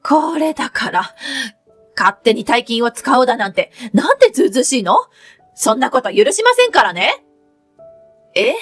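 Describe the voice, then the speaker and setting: A woman voicing a shrill, indignant older mother-in-law in a read-aloud story. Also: big pitch swings, a little slow, soft background music, exaggerated voice.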